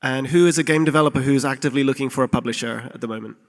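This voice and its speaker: A man's voice: medium pitch, racing. A man moderating a game industry conference panel in a casual, upbeat way. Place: conference hall. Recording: reverberant conference hall.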